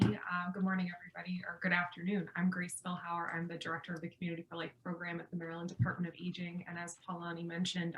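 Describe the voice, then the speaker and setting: A woman gives a formal introduction as a program director on an online call with some noise behind her. She talks quickly in a low, even voice. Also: poor audio.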